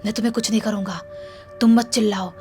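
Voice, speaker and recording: A woman voicing a lovelorn young male jinn who pleads softly and keeps reassuring. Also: medium pitch, steady tone, quick pace, faint music behind, lightly acted. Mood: pleading. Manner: soothing, insistent reassurance.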